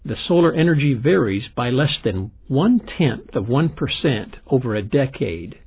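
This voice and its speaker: A man with a gravelly, husky voice, giving explanatory commentary as an expert in a documentary. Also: mid-range voice, very animated, normal speed. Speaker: expert interviewee, science lecturer. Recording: dull lo-fi sound, music behind.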